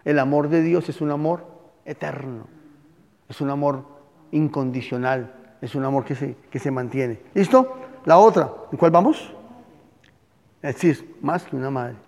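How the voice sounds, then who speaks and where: Speaking unhurriedly in a slightly high, creaky, somewhat mellow voice, this man is a pastor with a Colombian Spanish accent. He quizzes his congregation during a conversational sermon in a church hall, captured in muffled sound with long hall reverb.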